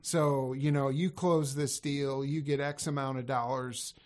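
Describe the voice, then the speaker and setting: A man's voice: mid-range voice, fairly even intonation, a little slow. A man talking casually on a podcast as a sales coach, rambling and correcting himself as he goes. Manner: rambling, self-correcting, laughs easily.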